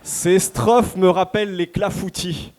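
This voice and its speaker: A man's voice: high-pitched, fairly even intonation, a little slow, darkish tone, some chatter behind. A man performing a haughty rival poet who answers in sing-song theatrical verse on stage.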